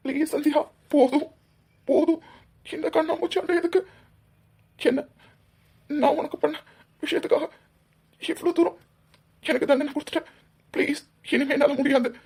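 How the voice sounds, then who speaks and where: A woman's voice: high-pitched, fairly even intonation, normal speed, pauses often, a little mellow. A woman voicing a desperate young husband who is crying and pleading for his lost wife.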